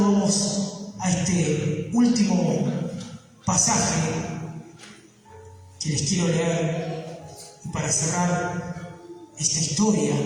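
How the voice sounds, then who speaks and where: A preacher with a high voice delivers his sermon slowly and emphatically, leaning on long dramatic pauses. He sounds distant from the mic in a church with a long, echoing reverb. Soft music plays underneath. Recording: echoey church hall from far off.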